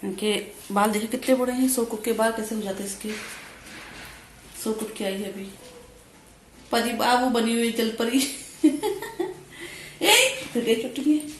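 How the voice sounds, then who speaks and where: A woman's voice: fairly high pitch, a little slow, long pauses. A woman in her thirties vlogging at home, playfully scolding and coaxing a child in a sing-song way, on a phone camera. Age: 30s. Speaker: family vlogger. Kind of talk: casual home vlog. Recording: echoey room with clear background noise.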